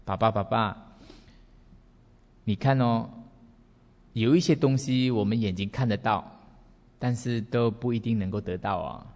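A man voices a wise heavenly boy who gently admonishes a grieving father. The voice sits low, and the room gives it a long echo. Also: measured pace, long pauses. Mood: admonishing. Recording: reverberant hall.

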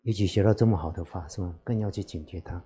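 A man, a Buddhist monk, giving an unhurried dharma talk to lay listeners, often asking rhetorical questions. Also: low voice, mellow.

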